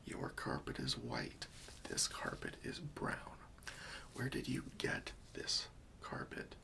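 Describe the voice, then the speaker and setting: In an ASMR roleplay, a man plays a gentle, patient helper, whispering slowly and coaxingly in a very deep voice that is crisp and sibilant on top. His delivery is heavily acted with huge pitch swings, and he asks questions in a friendly, reassuring, patiently questioning way.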